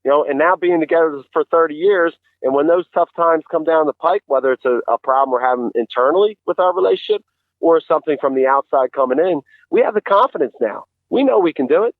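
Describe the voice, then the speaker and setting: A man's voice: a little high, lively intonation, fast, no room sound. A middle-aged man speaking as an interview guest, giving earnest, conversational relationship advice and explaining with rhetorical questions. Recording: thin phone-like radio sound.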